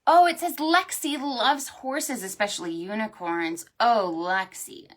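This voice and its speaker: Her voice on the high side and her pace a little slow, a woman hosts a livestreamed preschool storytime from home or indoors. She reads aloud and talks with young children in a sing-song, expressive manner.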